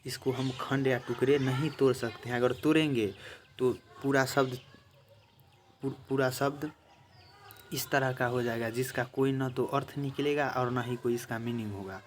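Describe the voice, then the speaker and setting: A man at a middle pitch leads a grammar lesson for exam takers. He goes over each definition slowly and more than once, speaking straight to viewers as friends. A faint noise sits under the recording. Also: steady tone. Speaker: teacher.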